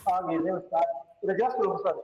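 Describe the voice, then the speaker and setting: A man joins an online meeting from a room, and his voice comes through echoing and booming, as if bouncing around an empty space. He speaks in a fairly high register, politely and a little hesitantly, ticking through items one by one. The call audio is muffled and dull, with a faint hiss underneath. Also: fairly even intonation, a little mellow. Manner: polite, hesitant, restarts and lists items slowly. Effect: voice echoing and booming over the call line. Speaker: parent asking a question at an online school meeting. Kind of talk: casual question at a meeting.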